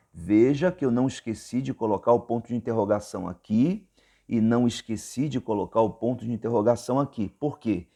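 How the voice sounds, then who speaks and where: A man's voice: mid-range voice, gravelly, dark tone. Patient Brazilian man teaching English grammar. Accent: Brazilian Portuguese. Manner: patient, repeats points, many "tá bom?" check-ins. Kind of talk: explaining grammar on a board.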